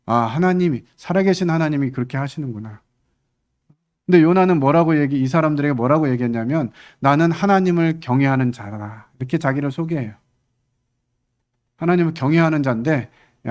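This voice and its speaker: A man preaching a sermon in a church, talking in a conversational way and acting out quoted lines with sudden lifts in voice. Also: fairly high pitch.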